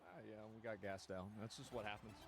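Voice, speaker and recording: A man's voice: fairly low pitch, expressive, fairly quick, creaky, background noise. A man streamer reacting to a clip on a live stream, heated and profane, repeating himself as he rants.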